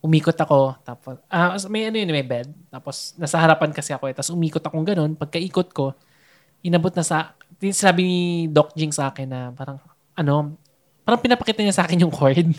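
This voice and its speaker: A man's voice: fairly high pitch, brisk. Young guy rambling through a story, keeps hunting for the right word, easygoing chat. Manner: meandering storyteller, searching for words. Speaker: new father recounting a birth. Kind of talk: casual chat.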